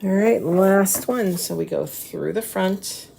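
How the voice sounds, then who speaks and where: A woman's voice: medium pitch, takes it slowly, creaky, warm tone, slight background noise. A woman hosting a casual craft tutorial, chatting to viewers and muttering to herself as she works, with slurred, slushy s sounds. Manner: chatty, mutters to herself and to the materials while working.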